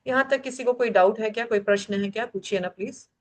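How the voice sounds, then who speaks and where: A woman's voice: fairly high pitch, fast. A woman leading a devotional scripture class, stressing points by repeating them and mixing English words into her talk. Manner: emphatic, repeats key phrases three times. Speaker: devotional study group leader.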